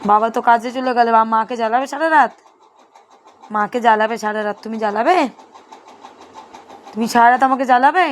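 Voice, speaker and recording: A woman's voice: fairly high pitch, brisk, long pauses, a little hiss or hum. A young Bengali mother talking to her baby at home at night, firm scolding that turns into sing-song baby talk. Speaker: mother vlogger.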